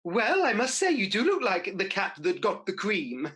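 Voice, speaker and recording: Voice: mid-range voice, sing-song, moderate pace, fairly bright tone. An actor playing a gossipy, hard-up mother as a pantomime dame in a radio play, with chatty comic patter. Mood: friendly.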